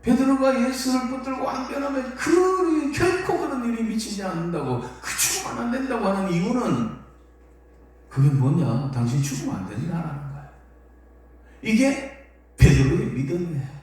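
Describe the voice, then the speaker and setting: Brief: a male pastor, emphatic and lively, heard from far off in an echoing church hall. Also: sits high, normal speed. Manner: animated, emphatic, repeats key phrases. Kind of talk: sermon.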